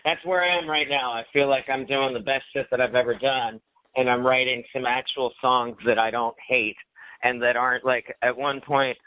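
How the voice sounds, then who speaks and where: Hosting a laid-back podcast, a man in his thirties talks at normal speed with a medium-pitched, steady, smooth voice. He laughs a lot, pokes fun at himself, and swears freely, all captured in dry, tinny, phone-like audio.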